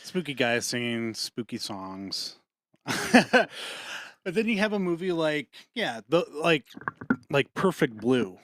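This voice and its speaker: A man co-hosting a podcast in casual chat, rambling and swearing often, with quick laughs between points. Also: on the high side, big pitch swings, a bit bright, no echo, studio quality. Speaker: podcast co-host.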